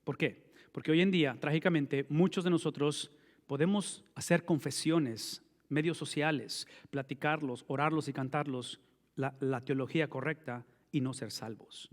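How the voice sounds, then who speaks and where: A man preaching a sermon as pastor, speaking, asking rhetorical questions and answering them himself, swinging between emphatic stresses and quiet asides. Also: a little high, fairly even intonation, moderate pace. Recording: long reverb of a large hall.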